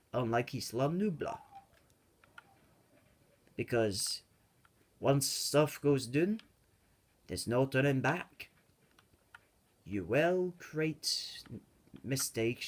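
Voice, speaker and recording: A man giving casual, rambling commentary over his own gameplay, joking and correcting himself as he goes. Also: medium pitch. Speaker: gaming video creator. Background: keyboard and mouse clicks.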